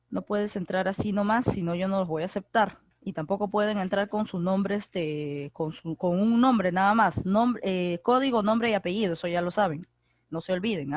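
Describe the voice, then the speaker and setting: A woman teaches an online grammar class through her computer microphone. She explains step by step, repeating key words and filling pauses, in a mid-pitched voice. The sound is close and dry. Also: no echo. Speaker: secondary school teacher. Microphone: computer mic on a video call.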